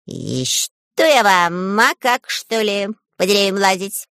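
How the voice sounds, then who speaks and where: A woman's voice: medium pitch, lively intonation, slow, fairly bright tone, clean tone, no room sound, studio quality. A woman voicing a cowardly, whiny male spy who squeals and complains in a storybook. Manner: whiny, easily frightened.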